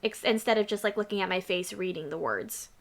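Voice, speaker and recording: Speaking a little fast in a mid-range voice, the host of her own channel casually works through a rambling list of her past videos, sprinkled with asides.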